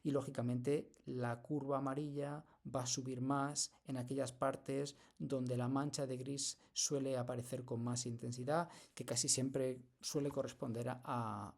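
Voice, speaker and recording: A man lecturing in a screen-recorded software tutorial, explaining step by step with frequent hesitations and restarts. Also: medium pitch, vocal fry.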